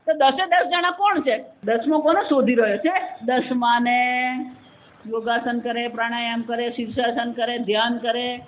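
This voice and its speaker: A woman spiritual teacher giving a Vedanta discourse, telling a story and putting questions to her listeners. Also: high-pitched. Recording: dull lo-fi lecture recording.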